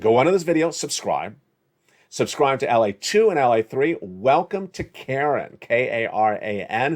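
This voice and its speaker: A man hosting a live finance stream, talking excitedly with loud bursts and slow, stretched words for emphasis. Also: lowish voice. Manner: excited, emphatic, swings between loud bursts and quiet asides. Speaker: channel host. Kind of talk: hyped live stream monologue.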